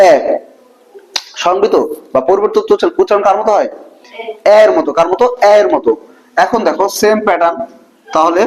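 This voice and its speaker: A man's voice: high-pitched, rough recording. A Bangladeshi man teaching a classroom lesson, repeatedly asking questions and answering them himself in drills. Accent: Bangladeshi Bengali.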